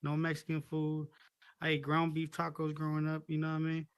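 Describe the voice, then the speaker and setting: A man's voice: fairly high pitch, monotone, fairly quick, smooth, dry recording. An American man chatting casually, slangy and profane, repeating himself as he goes. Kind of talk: casual chat.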